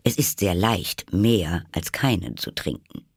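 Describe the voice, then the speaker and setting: A man playing the mad Hatter from a storybook, a rude, triumphant figure who needles the girl. His delivery swoops up and down, with a gravelly, husky grain. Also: sits low, lively intonation, a little slow, no room sound, clean studio sound, full character voice. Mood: smug. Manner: smug, teasing, contrary.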